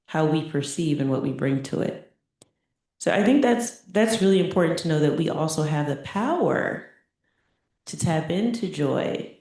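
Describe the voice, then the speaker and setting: Chatty and relaxed, a woman teaches meditation in a conversational dharma talk, her voice low and dusky. She keeps checking in with listeners and laughs softly between points, while the very echoey room makes the sound ring.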